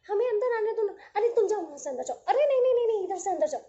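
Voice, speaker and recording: A woman voicing a crowd of tiny childlike raindrops who plead in quick, high, eager voices, for a children's storybook tale. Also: animated, dark tone. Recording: dull lo-fi audio.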